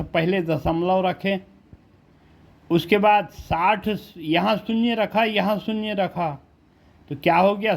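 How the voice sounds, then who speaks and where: A man's voice: sits high, gravelly. A male teacher from India explaining a math lesson step by step, often asking rhetorical questions.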